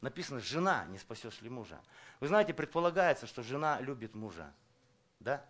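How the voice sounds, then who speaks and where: A man's voice: mid-range voice, very animated, a little fast, fairly bright tone. A man preaching a sermon. He talks conversationally, asks the congregation questions, and builds intensity by repeating phrases. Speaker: pastor.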